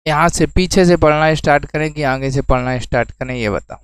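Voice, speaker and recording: Male tutor, fairly high voice, smooth and clear, dry close sound; explains step by step and answers his own questions. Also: a little fast, no room sound, low-quality recording. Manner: explains then repeats key terms as questions to students. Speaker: teacher. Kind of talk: exam-prep lesson.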